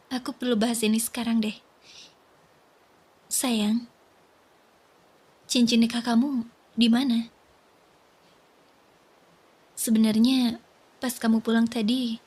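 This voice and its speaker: A young woman voicing a worried wife who gently questions her husband, in a soft whispered role-play. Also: on the high side, husky. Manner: gentle, coaxing, pleading.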